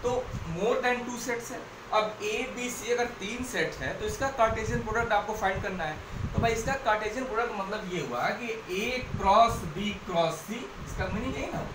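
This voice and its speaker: Here a man with a high voice talks at a normal speed through a blackboard maths lesson, explaining step by step, stressing key points more than once and using English phrases along the way. Background noise is audible, and the room echoes around a far-off mic.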